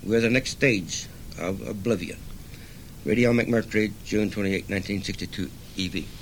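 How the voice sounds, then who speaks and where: A man's voice: on the low side, slight background noise. Older man reciting poetry solemnly. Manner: measured, solemn recital with hesitant asides. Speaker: poet reading his own work. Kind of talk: poetry reading.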